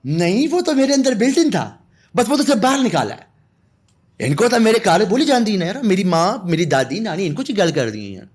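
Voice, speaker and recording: A man from Pakistan, a guest telling anecdotes in a podcast conversation, laughing as he goes. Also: high voice. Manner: animated anecdotal storytelling with laughter. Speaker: guest, artist and storyteller.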